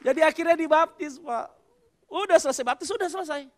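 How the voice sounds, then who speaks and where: A man's voice: very high-pitched, fast talker, some chatter behind, a little hiss or hum. A male pastor preaching a sermon. He tells a story, acts out the dialogue and calls on the congregation to respond.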